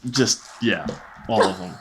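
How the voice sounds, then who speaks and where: A man's voice: low-pitched, measured pace, slight background noise. A man co-hosting a podcast in casual chat, emphatic and repeating phrases, disgusted while eating and smelling gross jelly beans. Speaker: podcast co-host. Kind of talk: casual chat during a food dare.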